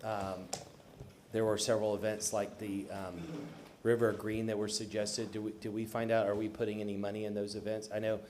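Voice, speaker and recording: A man on a city council, questioning staff at a public budget hearing in a halting way, with many restarts. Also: on the low side, little pitch movement, darkish tone, a little hiss or hum. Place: council chamber.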